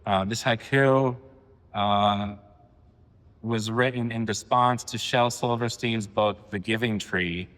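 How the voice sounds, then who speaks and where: A man in his forties giving a poetry reading, with halting, filler-heavy asides between poems. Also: on the low side, fairly even intonation, a bit bright, big-room sound. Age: 40s. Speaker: poet. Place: reading venue.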